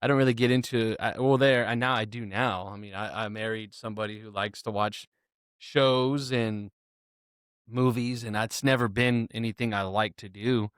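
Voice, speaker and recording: A young married man co-hosting a podcast, telling rambling, animated stories in casual chat. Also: lowish voice, normal speed, smooth, dry recording, studio quality. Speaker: podcast co-host.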